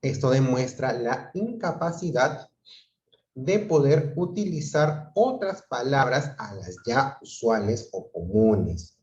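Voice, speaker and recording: A man's voice: medium pitch, very animated, takes it slowly, a little mellow. Male teacher lecturing online. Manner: explanatory, asks the class frequent checking questions. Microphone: computer mic on a video call. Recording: dull, roomy video-call audio.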